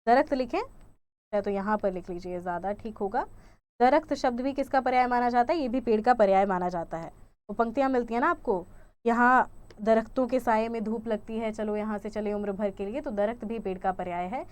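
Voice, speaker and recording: A woman's voice: a little high, brisk, a little mellow. A young woman teaching an exam-prep grammar lesson, quizzing her viewers and repeating each answer choice as a question.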